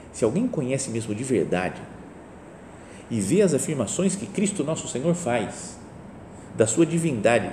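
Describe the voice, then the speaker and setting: A man's voice: medium pitch, darkish tone, slight background noise. A male priest with a Brazilian Portuguese accent gives a conversational sermon, often using rhetorical tag questions. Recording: echoey hall with faint ambience.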